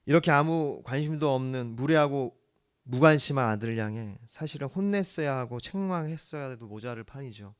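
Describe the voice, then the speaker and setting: A man preaching a sermon as the church's pastor, earnest, swinging from hushed lines to emphatic ones. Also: mid-range voice, animated, a little fast, clean tone.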